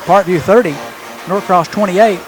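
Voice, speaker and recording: A man's voice: sits high, normal speed, low-quality recording. A man doing live football play-by-play as a partisan home-team announcer.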